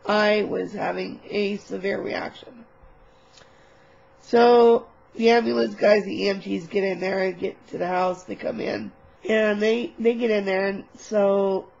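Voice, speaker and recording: A woman vlogger telling a personal story in a casual, animated, candid way, swearing now and then, on a webcam mic. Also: medium pitch, vocal fry, slightly rough, dull audio.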